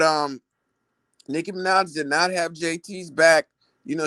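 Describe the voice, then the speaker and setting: A man's voice: fairly high pitch, a bit bright, no echo. A man giving casual celebrity gossip commentary, retelling stories in slangy talk and acting out the quoted lines.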